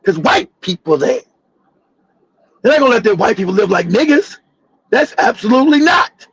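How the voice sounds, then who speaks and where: Husky guy ranting on his stream, cussing, repeating himself, dry close sound. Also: sits high, sing-song, normal speed, no echo, highs cut off. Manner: fiery, profane, repetitive ranting. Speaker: show host. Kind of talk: heated livestream commentary.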